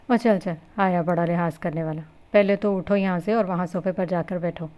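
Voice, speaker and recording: Feisty, sharp-tongued young bride for a novel reading, voiced by the narrator. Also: female voice, lowish voice, fairly even intonation, lightly acted. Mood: taunting.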